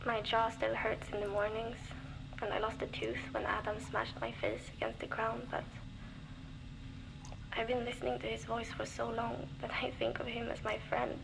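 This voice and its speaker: This is scripted voice acting: an actress plays a young, lonely, worn-down woman surviving alone in a frozen wasteland, recording audio diaries in a game. Her slightly high, gravelly voice has a flat delivery at a moderate pace, weary and blunt, with dry humour and frequent swearing. It sounds like a noisy cassette tape recording.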